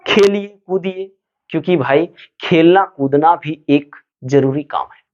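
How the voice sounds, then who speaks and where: A man's voice: a little high, highs cut off. A man giving motivational study advice to students, asking questions and answering them himself.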